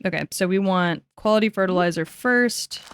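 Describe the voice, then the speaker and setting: On her casual gaming stream, a woman in her 20s laughs readily, swears and mutters to herself while working through things. She has a lowish voice and talks at normal speed, with a little hiss or hum in the background.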